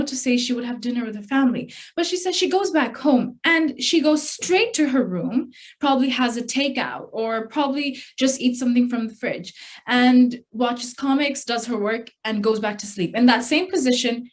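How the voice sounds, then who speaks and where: Young woman from hong kong, contest speech, earnest storytelling, kinda high voice. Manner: earnest storytelling, acts out quoted dialogue. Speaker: test speaker at a speech contest. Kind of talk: prepared speech.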